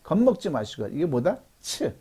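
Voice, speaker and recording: A middle-aged male teacher with a mellow, fairly high voice that moves a lot in pitch. He walks learners through phonics, saying each word twice and patiently. The delivery is that of a recorded classroom lecture. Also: very animated, moderate pace. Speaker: English teacher.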